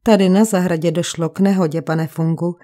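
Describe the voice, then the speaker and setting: A woman's voice: on the low side, steady tone, warm tone, lightly acted. A woman reading the lines of a stern male magistrate who questions a suspect coolly, in an audiobook. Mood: cool, probing. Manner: cold, questioning.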